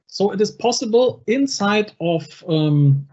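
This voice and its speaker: Slow, husky-voiced presenter demoing software step by step on a dull, lo-fi video call. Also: medium pitch, animated. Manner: talks through each click step by step. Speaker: presenter at an online user group event. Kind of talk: live software demonstration.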